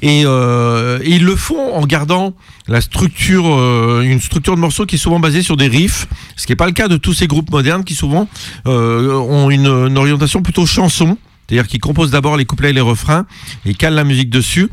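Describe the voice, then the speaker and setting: Relaxed male radio host, dry sound. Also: a little high, brisk, no room sound. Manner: relaxed, many hesitations. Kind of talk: casual radio chat.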